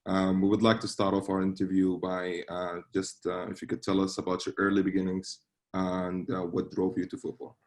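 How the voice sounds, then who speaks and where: Deep-voiced male interviewer, halting, filler-heavy, formal. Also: monotone, darkish tone. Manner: hesitant, many fillers and slow phrasing.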